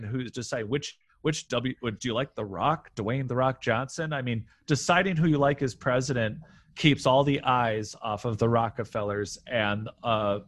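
A man talking casually as a podcast guest, rambling and animated, full of restarts. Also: mid-range voice. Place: room near a railway line.

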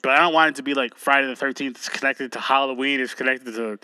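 Fast and casual, this man co-hosts a podcast, cursing freely and joking around as he jumps from lists to anecdotes. His voice is medium-pitched, bright, forceful and smooth. Though it's recorded close and dry without room sound, the audio quality is poor.

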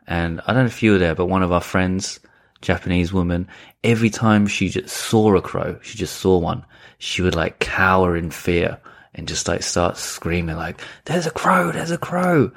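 A man in casual conversation, relaxed and chatty as he trades stories with a friend. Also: low-pitched, moderate pace. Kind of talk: casual chat.

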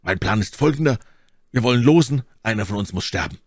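A man voicing a calm, scheming young male painter who explains his plan earnestly and persuasively. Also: lowish voice, fairly quick, no room sound, clean studio sound.

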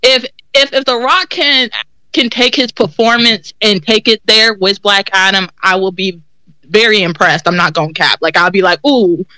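A woman's voice: medium pitch, normal speed, pushed and bright, no echo. A woman in a casual group chat, eager and fond of "like" and "um" as she talks. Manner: eager, heavy use of "like" and "um".

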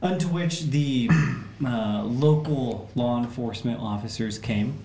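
A man serving as game master for a tabletop group, recapping the last session with many pauses and fillers. He speaks at an unhurried, measured pace, and his voice rings out in an echoey room. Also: mid-range voice, warm tone, slight background noise. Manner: slow, hesitant, with frequent fillers.

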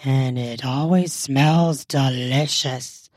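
Woman reading a flirtatious husband for an erotic story, low slow murmur, mellow and dry. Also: steady tone, no echo, exaggerated voice. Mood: flirty. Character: adult man, eager, flirtatious husband. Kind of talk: read-aloud erotica.

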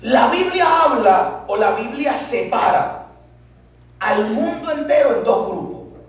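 A man's voice: extremely high pitch, animated, takes it slowly. A male pastor preaching a sermon, telling a story with laughs and asides to the congregation. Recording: echoey church hall, distant mic.

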